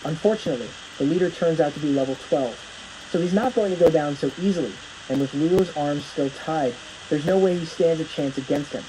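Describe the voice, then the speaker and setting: A man's voice: fairly high pitch, fairly quick, background noise. A man narrating a plot recap from a script, telling the story as it unfolds.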